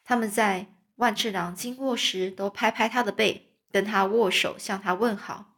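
一位带台湾口音的女士，为孩子朗读章节小说，语速平稳、音高适中，常停下来用口语解释生词，像在床边讲故事。. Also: female voice, mid-range voice, steady tone, moderate pace, gravelly, fairly bright tone. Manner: explains words to young listeners, chatty asides. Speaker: storyteller. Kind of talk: reading a children's novel aloud.

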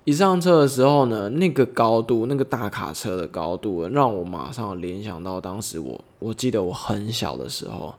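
Brief: reflective male podcast storyteller, soft and unhurried. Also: lowish voice, animated. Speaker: podcast host.

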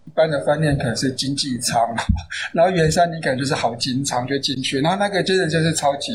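Taiwanese-accented male author guest, chatty storyteller, fairly high voice, noisy recording. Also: fast talker. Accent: Taiwanese Mandarin. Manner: chatty, anecdotal, many fillers. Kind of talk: casual podcast interview. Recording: noisy background.

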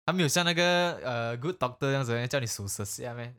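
A man's voice: medium pitch, fairly quick, a bit bright, clear, resonant tone. A man hosting a casual chat, curious and asking many questions.

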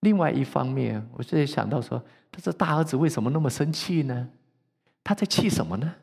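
A man preaching a sermon as pastor, who tells the story in a lively way and acts out its characters in a church sanctuary. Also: medium pitch, fairly quick, gravelly, slightly rough. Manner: animated, acts out the story, laughs. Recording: long church reverb.

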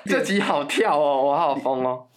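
A man in his late teens from Taiwan who has a cold, hosting a podcast and telling a story in a lively way. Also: a little high, normal speed. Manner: animated storyteller who mimics family voices. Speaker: podcast host. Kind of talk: casual chat.

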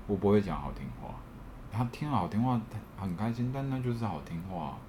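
A man's voice: fairly low pitch, lively intonation, fast, mellow, slight background noise. A man with a Taiwanese Mandarin accent chatting casually and candidly, often repeating phrases as he thinks aloud. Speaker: podcast panelist. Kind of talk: casual chat.

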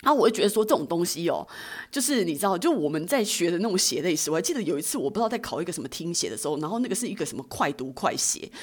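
Taiwanese woman host, fast chatty storyteller, low husky voice, podcast anecdotes. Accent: Taiwanese Mandarin. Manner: animated, giggly anecdotes with acted-out quotes. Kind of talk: casual storytelling.

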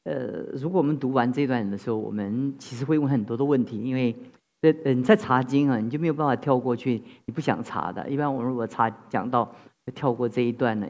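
A woman preaches a sermon in a low voice. She talks in an emphatic, animated way, often stopping and starting her phrases again. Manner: animated, emphatic, with hesitant restarts.

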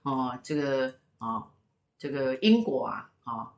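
A woman's voice: a bass voice, slow pace, creaky. A middle-aged woman, co-hosting a casual chat show and telling stories in a rambling way, with many fillers and repeated words. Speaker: co-host and spiritual teacher. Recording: roomy echo.

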